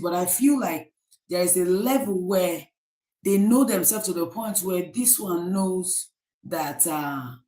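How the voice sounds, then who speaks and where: A Nigerian woman hosting a casual live stream, chatting with viewers by name and often pausing on fillers. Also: fairly low pitch, darkish tone, echoey room, poor audio. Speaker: livestream host.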